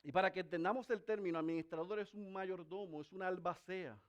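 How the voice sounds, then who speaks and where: With a steady tone and a fast pace, a preacher works through an expository sermon, putting rhetorical questions to his congregation. His delivery shifts between loud, emphatic stretches and very quiet, low moments.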